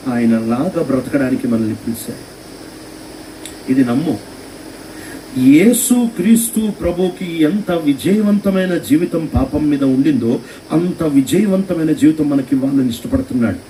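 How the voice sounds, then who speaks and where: A man preaching a sermon at a meeting, telling stories with lively rhetorical questions. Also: a little high, normal speed, far from the mic, slight background noise, poor audio. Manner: animated storytelling with rhetorical questions. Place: meeting hall.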